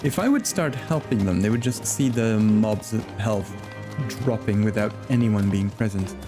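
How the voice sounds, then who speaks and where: Chatting casually on a live stream over game music, a friendly streamer whose first language is Flemish greets viewers by name and laughs frequently. He speaks at a normal speed in a voice on the low side.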